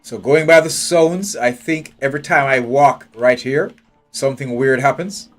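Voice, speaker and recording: Speaking at a moderate pace in a mid-range voice, this male streamer gives live gameplay commentary, thinking out loud in a crude, blunt way and picking apart every little thing. Faint game music sits in the background of his headphone-and-desk-mic setup.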